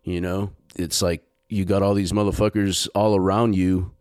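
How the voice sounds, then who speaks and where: Low voiced dude, smooth and clean, cussing a lot while hyping up mental toughness, dry sound. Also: male voice, level tone, a little mellow, dry recording. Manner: profane and emphatic, unhurried. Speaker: business owner giving motivational talk. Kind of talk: motivational monologue.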